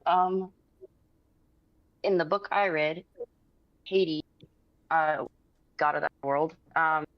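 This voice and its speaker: A woman playing a tabletop game, chatting casually and haltingly over a dull online call that cuts out. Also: low-pitched, fairly even intonation, no room sound.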